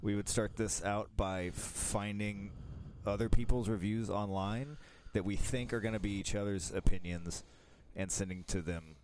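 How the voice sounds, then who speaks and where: A man's voice: on the low side, fairly even intonation, normal speed, hardly any pauses, a little mellow. A man co-hosting a casual film commentary, talking in a rambling, self-deprecating way. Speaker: podcast co-host. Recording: clearly noisy background.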